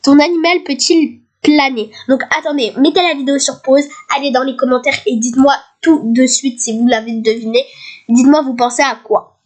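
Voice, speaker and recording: A woman with a slightly hoarse voice, playing a guessing game in casual commentary, reading each question aloud and then answering it casually. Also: sits high, steady tone, fairly quick. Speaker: youtuber.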